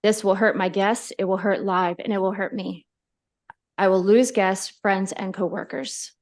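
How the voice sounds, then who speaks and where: A woman's voice: mid-range voice, steady tone, unhurried, darkish tone. A woman reading heartfelt, pleading testimony as a public witness.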